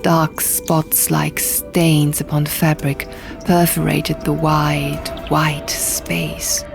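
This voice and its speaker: Over music and sound effects, a female audiobook narrator performs a first-person fantasy tale with drama, speaking in quiet, careful little phrases. Her voice sits low, with a level tone and some vocal fry.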